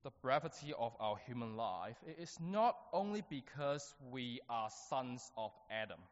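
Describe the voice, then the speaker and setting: A man delivers a sermon to his congregation in a hesitant, stop-start way, often repeating words and filling pauses. His voice carries a long, hall-like reverb, and the recording sounds somewhat dull and muffled. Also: mid-range voice, very animated. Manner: halting, with many fillers and restarts. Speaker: preacher.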